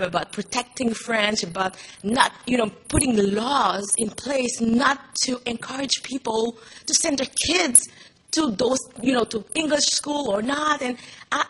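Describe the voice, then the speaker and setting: A Haitian actress whose first language is Haitian Creole speaks earnestly in English on a panel in Montreal, sharing a personal story and often restarting sentences or using fillers. Her voice is a little high, sharp and husky. The recording is rough.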